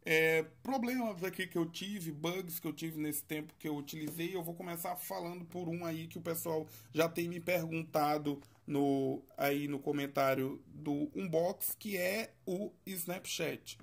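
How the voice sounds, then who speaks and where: A man casually reviewing a smartphone for his vlog, talking in a chatty, halting way with frequent tag questions. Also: fairly high pitch, vocal fry. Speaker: tech reviewer.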